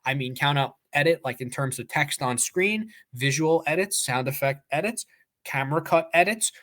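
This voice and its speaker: A man's voice: a little high, animated, normal speed, a bit bright. A man co-hosting a casual podcast chat. He talks in a loose, emphatic run of thoughts, leaning on "like" and "you know" as he presses his points. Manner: talkative, emphatic, many "like" fillers. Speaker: podcast co-host.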